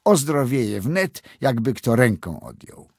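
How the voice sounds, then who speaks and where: A man's voice: medium pitch, very animated, slow pace, a little mellow, slightly rough, dry recording, clean studio sound, full character voice. A man doing a bossy old village healer woman. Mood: commanding. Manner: commanding, matter-of-fact.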